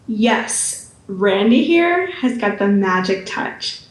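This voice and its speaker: A woman's voice: medium pitch, expressive, slow pace. A woman performing a role in a community stage show, friendly and exclaiming. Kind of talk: community stage opera acting. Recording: roomy theater sound.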